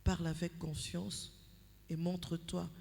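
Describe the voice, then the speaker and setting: A woman with a Congolese accent preaching at a couples' retreat, animated and acting out conversations with her husband, slipping into Lingala phrases. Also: lowish voice, a little slow, vocal fry. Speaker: pastor speaking at a couples' retreat. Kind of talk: sermon. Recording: long hall reverb.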